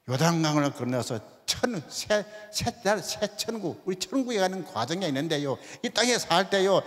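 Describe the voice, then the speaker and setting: A man in his seventies giving a sermon in a church, often putting rhetorical questions to the congregation. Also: high-pitched. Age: 70s. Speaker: guest speaker. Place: church sanctuary. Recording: long hall reverb.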